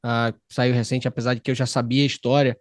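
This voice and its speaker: Fast-talking excitable podcast host. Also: male voice, mid-range voice, no room sound, studio quality. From Brazil. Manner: excited, slangy, quick and rambling. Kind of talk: casual interview chat. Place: podcast studio.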